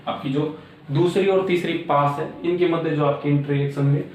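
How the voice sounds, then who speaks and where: Standing at a board, a man lectures on circuit theory step by step, his high voice fairly even in intonation at a moderate pace. He keeps repeating filler words, especially "aapka". The mic is far off in a very echoey room, with faint noise.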